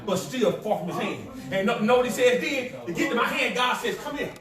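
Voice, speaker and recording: Bishop guy high and loud, repeats himself, laughs, echo, congregation answering back from far off. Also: lively intonation, fairly quick, crowd noise. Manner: repetitive, builds to shouting, laughs while preaching. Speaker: bishop preaching. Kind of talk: call-and-response sermon. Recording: echoey church, far from the mic. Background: congregation responding.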